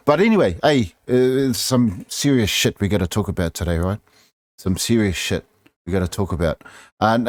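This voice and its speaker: A man's voice: fairly low pitch, dry recording. A middle-aged man with a Māori New Zealand English accent, hosting an informal, opinionated radio-style show in a blunt, colloquial, sweary way.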